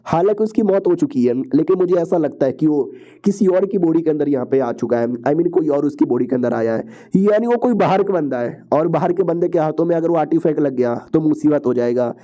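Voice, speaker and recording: A man's voice: a little high, brisk, warm tone. A man narrating a comic-book story recap in a chatty, slangy way, often repeating phrases. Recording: dull lo-fi recording.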